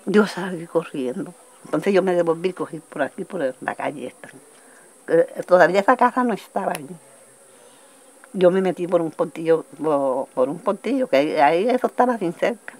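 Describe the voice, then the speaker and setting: An older woman from Colombia's Magdalena region with a Caribbean coastal accent, giving halting oral testimony and acting out quoted voices as she goes. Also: lowish voice, expressive, darkish tone. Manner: halting, restarting storytelling that acts out quoted voices. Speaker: interviewee, witness.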